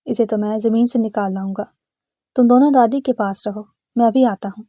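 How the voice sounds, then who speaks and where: A woman voicing a stern, protective young man who is quick to anger, speaking firmly. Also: fairly high pitch, steady tone, warm tone, no echo, clean studio sound, lightly acted. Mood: stern, angry. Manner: firm, threatening delivery.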